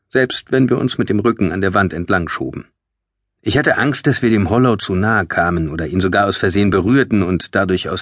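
Husky low male audiobook narrator. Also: fairly bright tone, dry recording, studio quality. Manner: tense, measured storytelling. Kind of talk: scripted first-person audiobook narration. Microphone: close studio mic.

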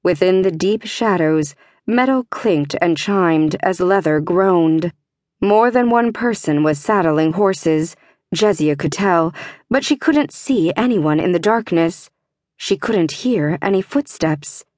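A woman reads a fantasy audiobook in a measured, tense narration. Her voice sits on the low side, and she takes her time. The studio sound is dry and close to the mic. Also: expressive, darkish tone, no room sound.

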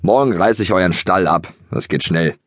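A man's voice: low-pitched, normal speed, husky, no echo, studio quality. A man voicing a cheerful, easygoing farm man who talks in a breezy, carefree way.

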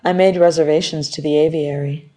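A woman's voice: sits low, fairly even intonation, fairly quick, mellow. A woman voicing an arrogant wealthy male company owner who speaks in a smug, commanding way.

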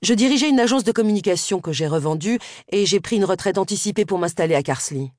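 A woman voicing a sharp-tongued, prickly retired woman in an audiobook, with curt, tart replies. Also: mid-range voice, expressive, fast talker, no echo, clean studio sound, voice pushed up, close to an everyday voice.

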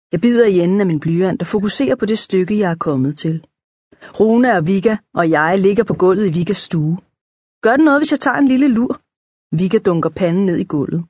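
A woman's voice: on the low side, breathy edge, dry recording. A woman reading a first-person children's story aloud, lifting her voice for the girls' lines. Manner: lively, lifts her voice for the girls' dialogue. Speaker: audiobook narrator.

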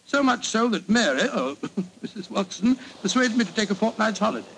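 Genial older doctor, bluff, high voice, vintage radio hiss. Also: male voice, animated, a little fast, vocal fry, a bit bright, exaggerated voice, low-quality recording. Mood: reminiscing. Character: older male English doctor, genial storyteller. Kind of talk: 1940s radio acting. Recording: old radio broadcast with faint hiss.

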